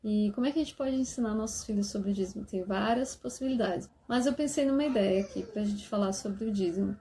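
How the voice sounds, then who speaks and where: A woman gently explaining church lessons for parents to teach their children, often checking in with a soft "né?". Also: medium pitch, fast, slight background noise. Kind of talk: casual instructional talk.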